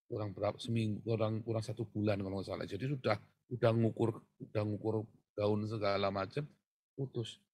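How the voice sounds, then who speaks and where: Male pastor, husky, dry close sound, chatty sermon storyteller with sudden loud stresses. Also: on the low side, fairly even intonation, fairly quick, dry recording. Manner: conversational storytelling, swings from quiet to loud emphasis.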